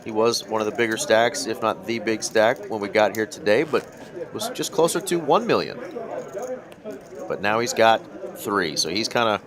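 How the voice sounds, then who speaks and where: Man, poker color commentator, mid-pitched voice, relaxed chatty delivery, card room crowd murmur behind. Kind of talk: live poker stream commentary.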